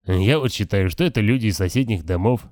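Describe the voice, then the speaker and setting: A man's voice: lowish voice, lively intonation, fast talker, a little mellow, no room sound, clean studio sound, close to an everyday voice. A man voicing a gloomy, nervous, defensive teenage boy in an audiobook. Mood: sullen. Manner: sullen, defensive.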